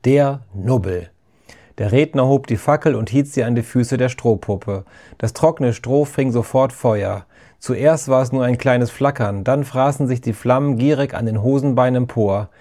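Ein Mann, der ruhig und gleichmäßig eine Kindergeschichte vorliest. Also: male voice, medium pitch, moderate pace, dark tone. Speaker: narrator. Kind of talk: storybook narration.

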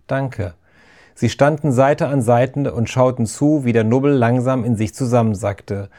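Ein Mann, der ruhig und gleichmäßig eine Kindergeschichte vorliest. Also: male voice, mid-range voice, fairly even intonation, normal speed, mellow. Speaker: narrator. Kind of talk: storybook narration.

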